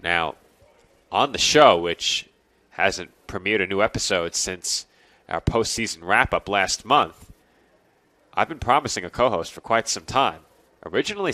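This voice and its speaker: A congested man calling a college baseball game play by play, chatting and joking with his partner between pitches. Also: sharp tone, dry recording. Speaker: play-by-play announcer.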